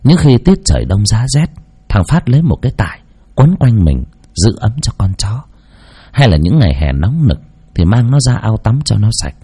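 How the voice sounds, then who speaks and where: Male narrator, husky, deep, expressive storytelling delivery. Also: moderate pace. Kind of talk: scripted narration.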